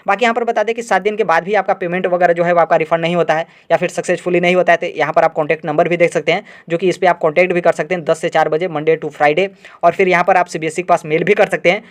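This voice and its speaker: A man hosting an exam-update video, explaining directly to viewers in a rapid, repetitive way full of fillers. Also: a little high.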